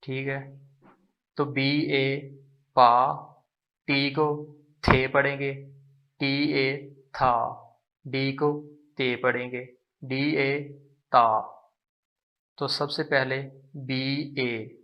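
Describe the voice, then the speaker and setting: A man teaching a lesson at an unhurried pace, patiently drawing out and repeating each syllable. His delivery stays level, with little rise and fall, and the recording sounds slightly dull and lo-fi. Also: medium pitch. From Pakistan. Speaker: language teacher. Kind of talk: slow explanatory lesson.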